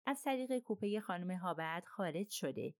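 A woman voicing a calm male detective who lays out how a crime happened in a measured, explaining way. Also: on the low side, no room sound, clean studio sound. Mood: reasoning.

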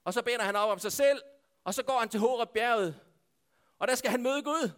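A man preaching a sermon, swinging between loud impassioned calls to God and hushed, quiet passages. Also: extremely high pitch. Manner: impassioned, calling out to God, then dropping to hushed tones. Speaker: pastor.

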